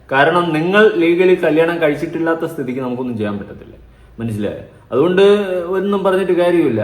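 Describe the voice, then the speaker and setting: Sarcastic man in an echoey room. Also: fairly high pitch. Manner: sarcastic, mocking, lecturing. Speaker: vlog host reacting to clips. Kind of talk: reaction commentary. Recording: roomy echo.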